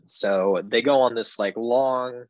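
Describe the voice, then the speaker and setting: A man's voice: medium pitch, slow pace, dry recording, dull audio. A man chatting casually as a podcast co-host, recapping a movie in a rambling, amused way with many fillers.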